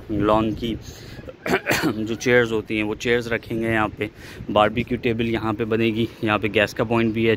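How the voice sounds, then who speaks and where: A middle-aged man walking a camera around his rooftop and describing the planned renovation in a relaxed, enthusiastic way, pausing often to think. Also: on the low side, background noise. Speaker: vlogger showing a rooftop renovation. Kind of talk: casual walkthrough narration. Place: rooftop of a house, outdoors.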